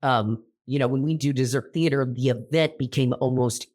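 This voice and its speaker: Still getting over a cold, a male co-host with a theater director air rambles through casual chat, full of ums and restarts. He speaks at a moderate pace in a medium-pitched, darkish voice.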